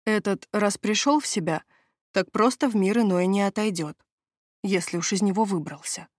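A woman's voice: mid-range voice, moderate pace, no room sound, lightly acted. A grumbling male castle steward who wheedles and dodges, always fretting about his own plans, read by a woman. He haggles rather than answers. The storybook sound is dry and close. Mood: complaining. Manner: whining, evasive, haggling. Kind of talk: audiobook character reading.

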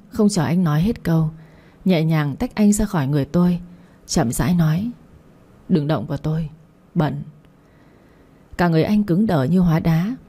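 A woman narrating a romance story in the first person with a slow, measured, melancholic reading. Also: fairly low pitch, warm tone, husky. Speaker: audiobook narrator.

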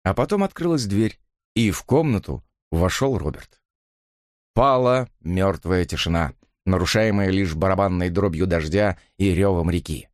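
A man narrating a novel as an audiobook reading, with expressive, dramatic delivery. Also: sits low, measured pace, no room sound, studio quality.

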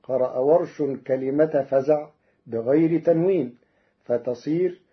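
A man gives a scripted radio lesson on Quran readings, speaking slowly and deliberately in a fairly high voice. He stretches out each quoted verse with care. The sound is muffled, like an old radio broadcast. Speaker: radio presenter explaining recitation variants.

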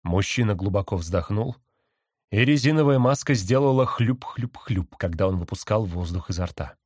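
Male narrator, lively intonation, expressive scripted reading, dry close sound. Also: lowish voice, moderate pace, dry recording. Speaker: audiobook narrator.

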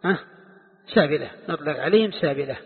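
Sheikh, a man lecturing and firing questions at students, high voice, phone-like sound. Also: expressive, quick pace, husky. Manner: quizzes the students with rhetorical questions. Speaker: sheikh teaching tafsir. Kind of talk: classroom lesson explaining a classical text. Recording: tinny lo-fi recording with long hall reverb.

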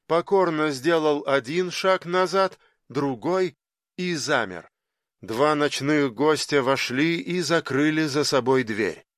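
A man narrating a dark fiction audiobook in a measured, dramatic storytelling manner. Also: fairly high pitch, dry recording, studio quality.

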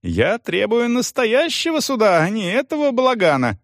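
A man voicing a furious male estate steward who shouts in frantic, shrill protest, in a dry close recording. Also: huge pitch swings, normal speed, no room sound, full character voice. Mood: desperate.

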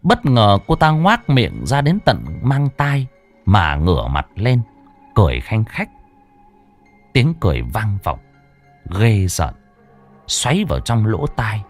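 A man narrating a ghost story in a dramatic, scripted way. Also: on the low side. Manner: dramatic, swooping storytelling delivery. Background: faint background music.

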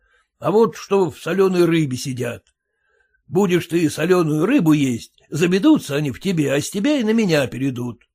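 A man's voice: on the high side, sing-song, normal speed, warm tone. A man doing a pompous grumbling merchant. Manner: grumbling, lecturing, self-important. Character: pompous fussy merchant husband, fearful of typhus.

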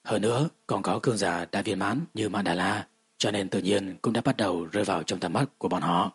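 A man giving steady, even scripted narration of a fantasy audiobook. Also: low voice, brisk, slightly rough.

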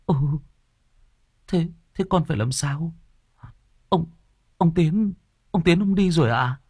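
A man's voice: fairly high pitch, slow, a little mellow, breathy edge, no room sound, clean studio sound, voice pushed up. A man voicing a bewildered, anxious young man who stammers hesitantly.

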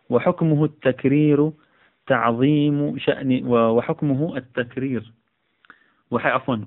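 A man reading and explaining a text on Islamic law as a teacher, often repeating phrases and correcting himself with fillers. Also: medium pitch. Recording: tinny phone-like audio.

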